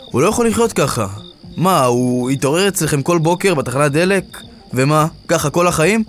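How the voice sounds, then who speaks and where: A man's voice: fairly high pitch, animated, natural voice. An actor playing a hesitant, worried young man in a radio drama. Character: young man, troubled reformed friend.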